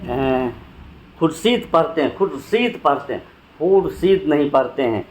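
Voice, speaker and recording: A man's voice: medium pitch, moderate pace, slight background noise. A man teaching a grammar lesson for exam preparation, patiently listing example words one at a time and repeating them.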